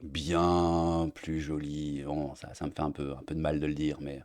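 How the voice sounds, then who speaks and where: A man's voice: a bass voice, little pitch movement, a little slow, a little mellow. A young Belgian man with a Belgian French accent, ranting casually to his audience in a mocking, crude way, full of fillers. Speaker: streamer. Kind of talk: casual rant to camera. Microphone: desk mic at editing setup.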